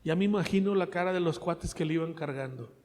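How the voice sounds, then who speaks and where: Preacher with a high voice. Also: male voice, quick pace, big-room sound, slight background noise. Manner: asks the congregation questions; swings between loud and soft. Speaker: pastor. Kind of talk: sermon.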